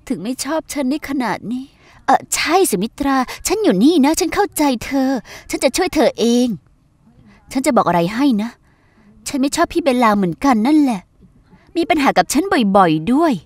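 Brief: a plaintive schemer, high-pitched, dry studio sound. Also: female voice, no room sound. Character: scheming young woman of a wealthy household. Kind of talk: Thai dub of a TV drama.

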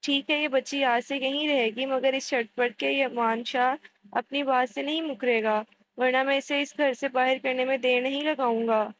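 A woman's voice: high voice, fairly even intonation, a little hiss or hum, poor audio. A woman reading the lines of a stern, domineering middle-aged father in a storybook reading, scolding and commanding.

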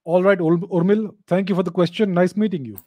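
A middle-aged man hosts a live geopolitics Q&A from his home study and works through each point in a steady, measured way. His voice sits a little high for a man but has a mellow, dark colour. The close studio mic keeps it dry, with almost no room sound. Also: no echo. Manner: measured, explanatory, repeats key points. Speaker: host answering live video call questions. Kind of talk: live video chat Q&A on geopolitics. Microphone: studio mic on a boom arm, close.

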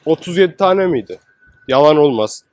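Animated and slightly high, with a somewhat mellow voice at a moderate pace, this travel vlogger is heard with no room sound but low recording quality. He walks through a windy seaside city outdoors, chatting in slang and exclaiming at the sights.

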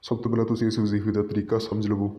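Man talking low and flat, calm repeating instructions to friends. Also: rapid-fire. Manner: calm, repetitive, addresses listeners as friends. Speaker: channel host giving religious instruction. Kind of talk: spoken instruction to viewers.

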